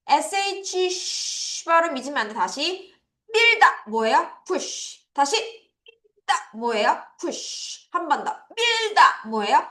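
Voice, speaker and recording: A high-pitched woman teaching an English vocabulary lesson for kids, her voice swooping up and down as she drills words for the class to repeat. She speaks slowly, with a bright, sharp tone. The room gives her voice a noticeable echo. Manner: lively, drills pronunciation with repeat-after-me calls.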